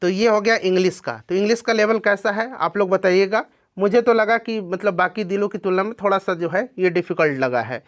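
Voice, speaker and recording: A man's voice: high voice, brisk. A man teaching as an exam coaching teacher, going through test questions and explaining each answer, checking in with listeners as he goes. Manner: explanatory, repeats "ठीक है ना" to check in.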